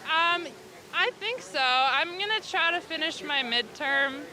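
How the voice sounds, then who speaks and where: A woman's voice: high voice, lively intonation, unhurried, bright, forceful tone, poor audio. A young woman surfer giving a casual, chatty interview outdoors after a heat. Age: young adult. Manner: chatty, frequent "like". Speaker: competitive surfer being interviewed. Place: outdoors at a beach contest. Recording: crowd and outdoor noise behind.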